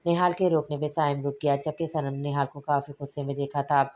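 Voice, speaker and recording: A woman reading a romance novel aloud in a steady, even storytelling manner. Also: low-pitched, fairly quick. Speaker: audiobook narrator.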